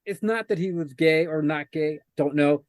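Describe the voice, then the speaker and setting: Male podcast co-host, higher voice, dry close recording, quick to laugh. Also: dry recording. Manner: laughs often, jokey. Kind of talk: casual podcast chat.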